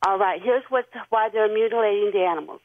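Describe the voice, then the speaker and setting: A woman's voice: mid-range voice, quick pace, no room sound. A woman calling in to a radio show over the phone, telling a rambling story in a nervous, earnest way. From Tennessee. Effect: phone line. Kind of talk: call-in radio chat. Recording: tinny phone line.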